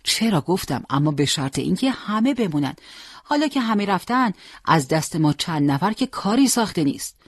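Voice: mid-range voice, very animated, slightly rough, no echo. A firm young male commander, grieving but resolute, as a storyteller voices him. He gives urgent orders in a mid-range voice that rises sharply when he calls out. The sound is dry and close.

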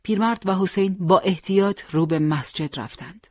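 A narrator reading a war story aloud in a calm, measured way, in a dry recording. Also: mid-range voice, no echo.

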